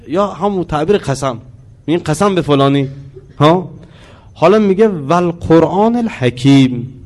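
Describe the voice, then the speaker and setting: Teaching about the Quran, a man speaks at medium pitch with a slightly mellow voice. He takes his explanations slowly, asks the listeners questions and draws out his chanting of Arabic verses.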